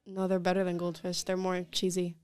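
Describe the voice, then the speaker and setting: A woman's voice: on the low side, monotone, a little fast, a little mellow. A teenage girl with an American accent, a student guest on a podcast, chatting casually with short replies. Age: teens. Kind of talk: casual chat.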